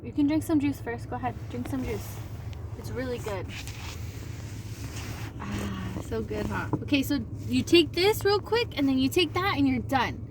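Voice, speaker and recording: A woman's voice: high-pitched, expressive, normal speed, noisy background. A woman talking casually as a mother, coaxing and encouraging her children. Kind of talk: casual family chat.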